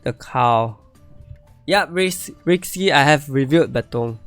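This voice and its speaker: A man with a medium-pitched, animated voice speaks slowly, his tone fairly bright, with no echo and faint music in the background. He's streaming a game and going over viewer accounts, thinking out loud and repeating himself. It's casual live-stream commentary, and his voice is starting to give out.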